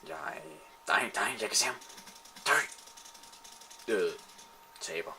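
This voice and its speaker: A man giving excitable live commentary while playing a shooter game, swearing and trash-talking his opponents. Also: lowish voice, slight background noise.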